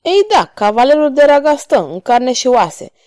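A woman's voice: high-pitched, big pitch swings, a little mellow, no room sound, clean studio sound, pitched above the performer's own voice. A woman voicing a bold, mocking male cavalier swordsman who speaks with courtly irony. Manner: ironic, courtly and taunting.

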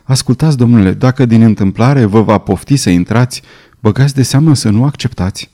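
A man's voice: mid-range voice, warm tone, lightly acted. A man voicing a frightened, loyal male butler who talks in an urgent, pleading way in an audiobook. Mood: hushed urgent.

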